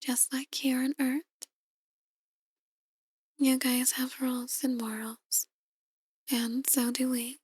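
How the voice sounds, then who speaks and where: An actress voices a soft-spoken, possessive demon woman in ASMR roleplay, seductive and passing herself off as a tarot reader. The voice is exaggerated and very high yet hushed and breathy, barely shifting in pitch as she slowly coaxes and frequently whispers. It's a dry, close recording.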